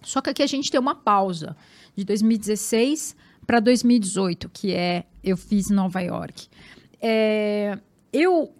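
A woman with a Brazilian Portuguese accent, a guest and marathon runner, telling her story in an animated, emphatic way and often repeating words. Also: mid-range voice, a little slow. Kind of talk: personal storytelling in conversation.

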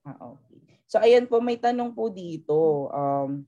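A woman's voice: fairly low pitch, animated, measured pace, mellow, lo-fi sound. A young woman hosting an interview, reading out fan questions politely with short respectful replies.

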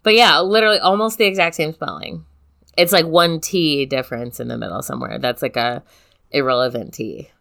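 A woman's voice: low voice, brisk, creaky, a bit bright. A woman co-hosting a casual podcast chat, talking in a loose, filler-heavy way and giggling often. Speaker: podcast co-host.

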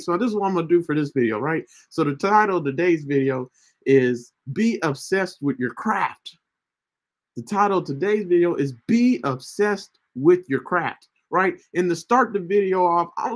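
Brief: man, early 30s, slightly high voice, casual ministry livestream host, rambling and friendly-paced. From United States. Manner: chatty, repeats himself, keeps asking "right?".

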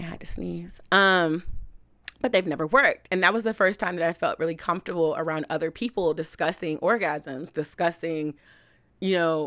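A young woman hosting a podcast, telling a candid personal story in a frank, chatty way, full of "like" and animated swings in pitch. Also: no echo, clean studio sound. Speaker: podcast host.

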